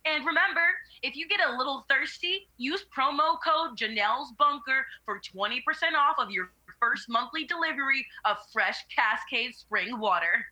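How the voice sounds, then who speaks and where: A woman plays a smug social media influencer, breezy and mocking, slipping in sponsor plugs. Her tone is piercingly bright and a touch high. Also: animated, moderate pace, few pauses, exaggerated voice, poor audio. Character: smug woman influencer, gleeful and self-promoting.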